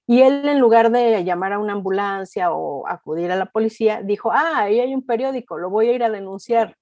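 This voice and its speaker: A woman's voice: mid-range voice, darkish tone, no room sound. A middle-aged woman with a Mexican accent, a culture reporter telling anecdotes in a casual interview and acting out the people she quotes.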